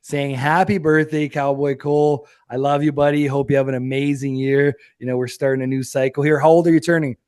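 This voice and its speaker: A man in his late thirties co-hosting a podcast, talking in an energetic, slangy, enthusiastic way. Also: mid-range voice, brisk, hardly any pauses, smooth, dry recording, studio quality. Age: 30s. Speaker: podcast co-host. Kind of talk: casual chat.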